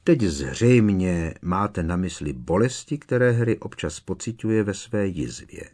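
A man reading an audiobook, voicing a wise old male headmaster who speaks in a cold, measured and firm way. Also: low voice, sing-song, a little mellow.

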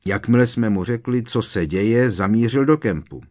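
A man's voice: lowish voice, a little mellow, pitched above the performer's own voice, close to an everyday voice. A man voicing a blunt teenage wizard boy who talks emphatically and scoffs at others. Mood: emphatic.

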